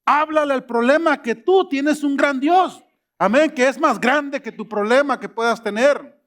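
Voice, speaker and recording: A man's voice: extremely high pitch, unhurried, a bit bright. A middle-aged man preaching a sermon, acting out quoted voices and rising to emphatic peaks. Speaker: pastor.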